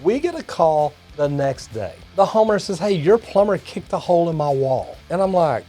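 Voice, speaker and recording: Reading viewer comments and reacting in a folksy style, this Texan master plumber and video host, a middle-aged or older man, addresses people as y'all and guys. He speaks at normal speed in a high-leaning, warm, sing-song voice, with soft music underneath.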